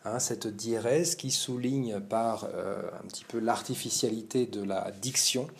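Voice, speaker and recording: A man's voice: fairly low pitch, fairly even intonation, a little slow, vocal fry, a little hiss or hum. A man giving a spoken literature lesson, full of hesitations and filler sounds. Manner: hesitant, many fillers and verbal tics. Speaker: literature teacher. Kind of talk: spoken text commentary lesson.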